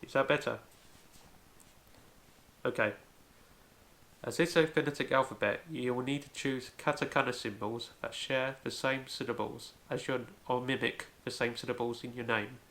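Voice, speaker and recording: Gravelly man explaining step by step. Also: mid-range voice, steady tone, moderate pace, fairly bright tone. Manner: careful, step-by-step explaining with frequent "so". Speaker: language video host. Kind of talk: home-made tutorial.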